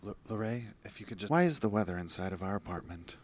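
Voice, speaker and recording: A man's voice: on the low side, animated, fast, a little hiss or hum. A man acting in a comedy show, switching between mock presenter lines and improvised banter, retrying his lines. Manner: repeats and retries lines. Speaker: actor in a comedy show, in outtakes.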